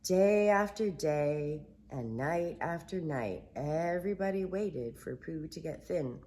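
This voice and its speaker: A woman's voice: deep voice, animated, takes it slowly, dark tone, a little hiss or hum. An older woman reading a children's story in a grandmotherly, storytelling manner. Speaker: storybook reader.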